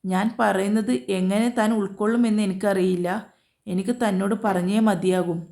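A woman's voice: mid-range voice, fairly even intonation, moderate pace, vocal fry, warm tone, natural voice. A woman reading the lines of a hesitant, earnest young husband in a storybook romance, in her own voice.

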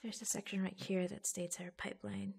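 Close to the microphone, a woman plays an attentive, affectionate office assistant in a soft-spoken ASMR roleplay, breathy and hushed with gentle, hesitant pauses. Her mid-range voice keeps a level tone and a reassuring mood.

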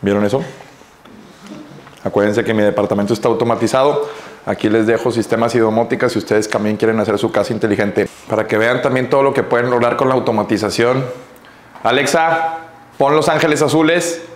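A man hosting his own vlog in casual chat, relaxed and joking, talking at home and later from a car. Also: fairly low pitch, quick pace, roomy sound. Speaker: vlog host.

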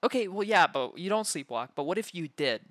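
A man's voice: high-pitched, animated, a little fast, a bit bright, dry recording. A man voicing an evasive, playful femboy prankster in an ASMR role-play, stammering and repeating himself as he protests. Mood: cheeky.

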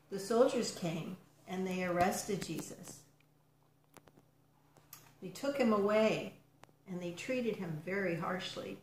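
A woman reading a storybook aloud to children, gentle and expressive, with soft drops in volume. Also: medium pitch, echoey room, a little hiss or hum, poor audio.

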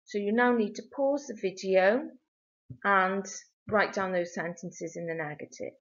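A woman teaching a recorded language lesson to pupils, drilling phrases slowly and clearly for them to repeat. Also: mid-range voice, lo-fi sound. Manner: slow, clear drilling with repetition prompts. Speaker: French teacher. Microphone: video lesson mic.

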